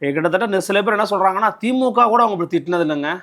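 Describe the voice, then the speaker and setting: Male interviewer, higher register, rapid delivery, probing and persistent in a political interview. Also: lively intonation, a bit bright. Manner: quick probing questions, presses his points. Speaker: interviewer, journalist.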